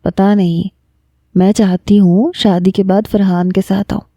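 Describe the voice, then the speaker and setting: A woman's voice: medium pitch, flat delivery, dark tone, no echo, clean studio sound, natural voice. A woman reading the lines of a lovestruck young woman talking to a friend on the phone, smiling and candid.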